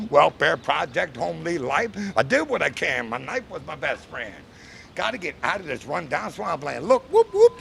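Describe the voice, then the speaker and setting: Street rapper, man: gravelly, bright and tense, rhythmic rhymes. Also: high-pitched, a little hiss or hum. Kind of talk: rapping a verse. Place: outdoors on a city street.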